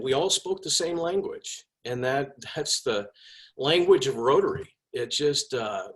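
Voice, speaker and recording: Man giving a casual speech, enthusiastic storytelling, mid-pitched voice. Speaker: past club president. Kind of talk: personal speech.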